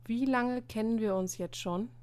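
A woman voicing an earnest teenage schoolboy who reasons in a measured, slightly formal way. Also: on the high side, darkish tone, close to an everyday voice.

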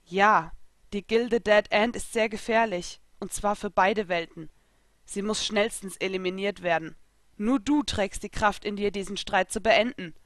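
Storybook spirit king, regal and grave, ceremonial as a woman reads him, louder than her narration, dry sound. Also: mid-range voice, unhurried, no room sound, natural voice. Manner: formal, ceremonial speech.

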